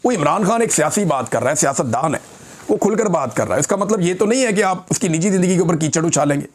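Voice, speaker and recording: A man with a Pakistani Urdu accent delivers political commentary straight to his audience. His voice sits fairly high for a man. He sounds indignant and heated throughout. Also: animated, fast. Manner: indignant and impassioned, addressing viewers directly. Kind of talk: vlog commentary.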